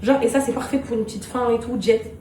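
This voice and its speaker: A woman chats to her viewers like friends, her voice a bit high and set back from the mic. The room is echoey and noisy around her. It's an easygoing home vlog from the kitchen. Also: fairly even intonation, fast, warm tone, distant mic. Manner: chatty, addresses viewers as girls. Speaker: vlogger and mother. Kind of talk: casual vlog chat.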